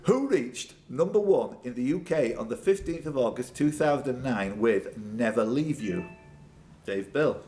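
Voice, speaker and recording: The speaker is a quiz host at an indoor pub quiz event who reads questions aloud, then chats and trades jokes with contestants off the cuff. He sounds animated and unhurried, with a medium-pitched, darkish voice, against background pub-room noise.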